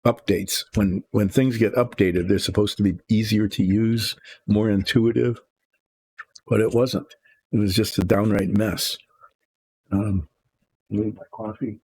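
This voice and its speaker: Older man, low gravelly voice, husky, easygoing rambling workshop chat. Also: steady tone, unhurried, long pauses, darkish tone, no room sound. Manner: rambling, thinking aloud with restarts. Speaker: hobby painting host. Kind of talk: relaxed workshop chat while painting. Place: home workshop.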